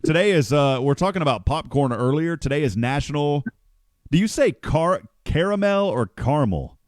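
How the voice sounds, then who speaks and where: A man's voice: on the high side, animated, moderate pace. A man hosting a morning radio show, chatting casually and rambling, often correcting himself as he reads the news.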